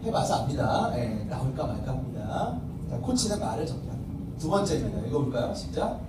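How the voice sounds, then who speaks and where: A man's voice: mid-range voice, sing-song, brisk. A man, a pastor, teaching a parenting workshop at church, quizzing the audience and acting out parent-child dialogues. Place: church welfare hall classroom. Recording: distant mic in a reverberant hall with faint noise.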